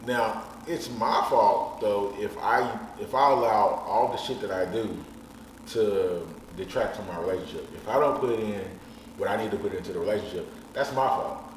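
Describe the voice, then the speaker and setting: Frank man in his thirties, fairly low voice, talking casually from off the mic in an echoey room with faint hiss. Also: normal speed, recorded from a distance. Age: 30s. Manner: blunt, frank, swears casually. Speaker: podcast guest. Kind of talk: casual chat.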